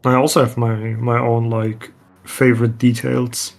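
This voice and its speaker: A man's voice: mid-range voice, little pitch movement, measured pace, gravelly. A male creature artist chatting casually on a stream, with dry, offhand teasing. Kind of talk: casual chat on a live stream.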